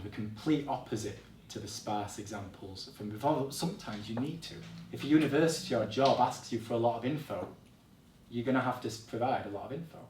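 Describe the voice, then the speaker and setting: A man's voice: medium pitch, distant mic, slight background noise. Young male speaker, motivational classroom talk, direct and encouraging, mic set back in an echoey room. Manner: encouraging, direct, addresses audience as guys. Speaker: speaker giving a workshop talk. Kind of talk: motivational presentation to students. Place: college classroom or hall.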